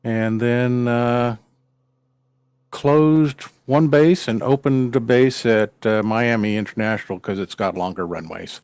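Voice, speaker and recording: A man's voice: medium pitch, slow pace, darkish tone, smooth, no echo. Man chatting in a dry, close sound. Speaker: guest chatting on stream.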